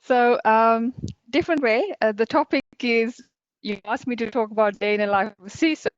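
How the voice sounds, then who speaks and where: Originally from Sri Lanka and with the accent to match, this cybersecurity director in her forties guests at a virtual conference. Her voice is on the high side and unhurried but not slow, with no echo, and she comes across bubbly, laughing softly and using many fillers. The video call sound is lo-fi and dull.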